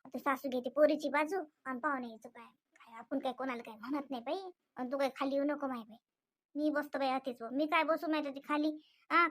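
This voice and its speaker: A woman voicing a timid elderly man who is a guest in the house in an animated comedy, muttering worriedly under his breath. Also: high-pitched, fairly quick, close to an everyday voice. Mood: hushed fretting.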